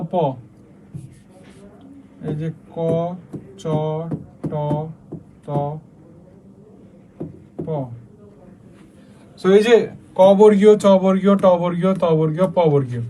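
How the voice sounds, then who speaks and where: A teacher walks through the rules step by step, checking in with the class as he goes. His voice sits fairly high for a man. A faint noise runs under the recording. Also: dark tone. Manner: explains step by step, asks the class questions. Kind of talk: online exam-prep lesson.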